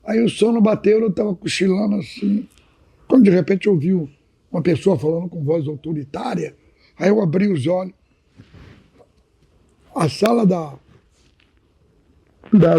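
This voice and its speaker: Speaking at a normal speed with long pauses, a man in his 80s from Minas Gerais, Brazil, has a high, creaky, slightly rough voice. He's a podcast guest telling old stories in an animated, anecdotal manner during a casual chat, frequently addressing the host by name.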